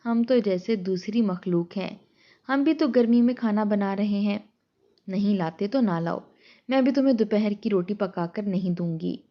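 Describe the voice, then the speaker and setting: A woman's voice: medium pitch, muffled recording, close to an everyday voice. A woman voicing a resentful young sister-in-law who scolds and mocks, in a storybook reading. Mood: scornful. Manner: scolding, sarcastic.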